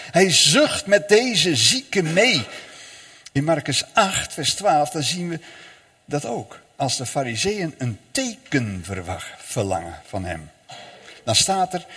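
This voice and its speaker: A male pastor delivers a solemn sermon with dramatic swells and drops in his voice. He speaks slowly, and his voice carries a slight huskiness. The sound rings with the long reverb of a large church hall. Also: medium pitch, a bit bright, slightly rough. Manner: slow, solemn preaching with dramatic rises and falls.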